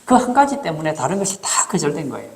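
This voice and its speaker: Animated Korean pastor preaching. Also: male voice, on the high side, fast talker, creaky. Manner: animated preaching, rhetorical questions, acted-out quotes. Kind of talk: sermon.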